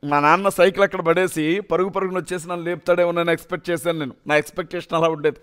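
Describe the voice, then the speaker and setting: A man with a noticeably high voice giving a personal testimony. He tells his story earnestly and with deep emotion. He sounds like a young adult. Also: fairly even intonation, racing, a bit bright, clear, resonant tone. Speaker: testimony speaker.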